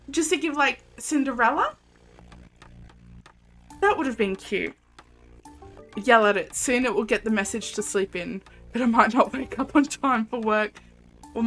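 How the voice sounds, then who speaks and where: A woman's voice: on the high side, fairly bright tone. A young woman streaming a game and chatting casually with viewers, rambling with lots of fillers and laughs. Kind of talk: casual live-stream chat.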